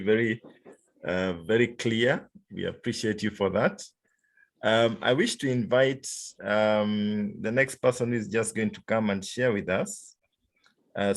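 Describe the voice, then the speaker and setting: A man hosting an online event over a video call, who thanks his speakers and repeats words with many fillers. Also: on the low side. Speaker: host.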